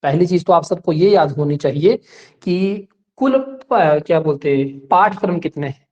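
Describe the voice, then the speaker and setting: A man's voice: fairly high pitch, lively intonation, unhurried, darkish tone, lo-fi sound. A male teacher giving an exam-prep lecture, explaining step by step and checking that his students follow.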